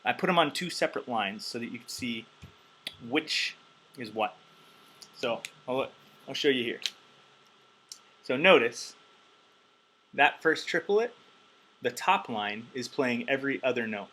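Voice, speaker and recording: A man's voice: medium pitch, animated, measured pace, pauses often, sharp tone, a little hiss or hum, poor audio. A man teaching drums in a loose, chatty way, counting beats aloud with plenty of ums, wired on caffeine. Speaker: drum teacher. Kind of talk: casual instructional talk.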